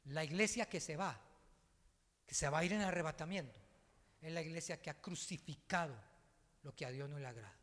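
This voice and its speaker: A man preaching a sermon as pastor, emphatic, swinging from hushed asides to loud, forceful peaks. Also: fairly high pitch, brisk, pauses often, big-room sound.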